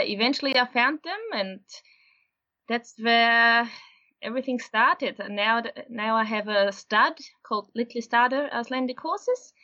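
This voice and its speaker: A woman from Austria, a horse breeder interviewed as a guest, explaining things in a steady, unhurried way. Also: fairly high pitch, lo-fi sound. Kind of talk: casual interview.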